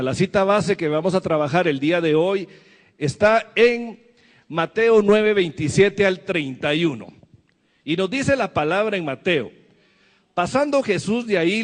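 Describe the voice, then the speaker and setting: A man's voice: high-pitched, in a large hall. A man preaching a sermon to his church, asking the congregation questions as he goes. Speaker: pastor.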